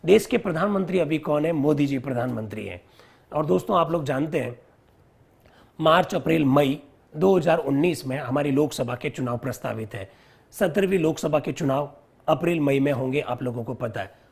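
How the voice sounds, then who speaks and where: A man's voice: fairly high pitch, animated, normal speed, gravelly, a little mellow, breathy edge. A man teaching a live online civics lesson, explaining step by step, repeating key terms and quizzing his viewers.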